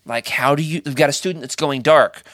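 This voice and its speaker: Bright, eager male podcast host. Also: a little high, fairly quick, no room sound, clean studio sound. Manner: enthusiastic, rambling, jokey. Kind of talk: casual fan podcast chat.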